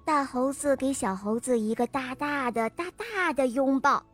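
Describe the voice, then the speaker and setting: A woman narrating a children's bedtime story in a slow, gentle, sing-song way. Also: high voice, faint music behind.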